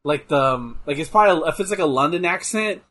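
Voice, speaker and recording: Young male co-host, slightly high lively voice, jokey and profane. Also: fairly quick. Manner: animated, joking, swears and laughs often. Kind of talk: casual gaming chat with commentary.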